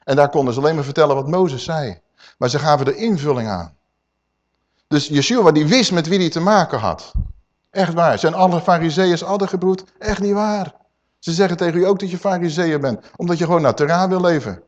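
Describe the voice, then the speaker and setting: Guy preaching, kinda high voice, goes loud then hushed, very emphatic. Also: a little fast, highs cut off. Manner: addresses listeners warmly as dear people. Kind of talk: sermon.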